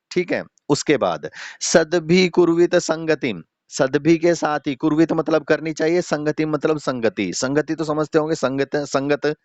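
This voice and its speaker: A man's voice: on the high side, dry recording, muffled recording. Man teaching a Sanskrit lesson online. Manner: explains slowly, often checks in with "ठीक है"; addresses students directly, asks questions.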